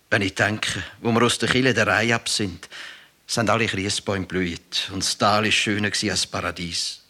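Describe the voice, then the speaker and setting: A man with a Swiss German accent reads a folk tale aloud in a dramatic storytelling manner. His voice is bright and forceful, sitting a little low, and he moves readily into the voices of the people in the story. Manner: dramatic, shifts into quoted voices. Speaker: narrator.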